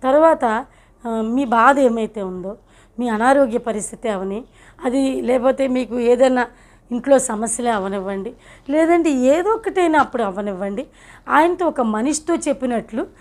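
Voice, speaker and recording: A middle-aged woman from India telling her personal testimony in an earnest, emotional way. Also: fairly high pitch. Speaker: testimony speaker.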